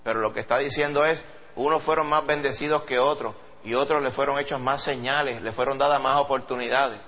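A man preaching a sermon with a Puerto Rican accent, animated and acting out quoted voices. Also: brisk. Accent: Puerto Rican Spanish. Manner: animated, acts out quoted voices in a high pitch. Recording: dull lo-fi sound.

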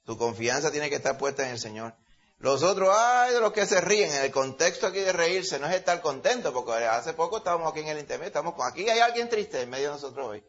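Male preacher, conversational Bible teaching, fairly high voice, dull lo-fi recording. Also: expressive, quick pace, a bit bright. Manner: conversational, addresses listeners as brother. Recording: dull lo-fi sound.

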